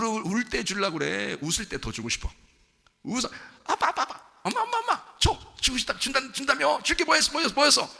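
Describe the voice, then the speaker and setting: A man's voice: on the high side, vocal fry, sharp tone, long reverb tail. A male pastor preaching to his congregation in a conversational way, asking them questions and acting out a father and his child. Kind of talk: sermon. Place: church sanctuary.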